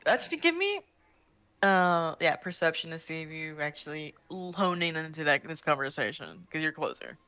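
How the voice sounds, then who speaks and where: Bright-voiced rambling game master. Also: medium pitch, very animated, moderate pace, clear, resonant tone, no room sound. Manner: rambling, lots of fillers and restarts. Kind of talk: narrating a tabletop game.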